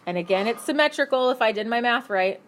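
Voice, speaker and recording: Brisk woman teaching a math class. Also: fairly high pitch, animated. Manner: brisk, upbeat, questioning students. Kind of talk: classroom lesson.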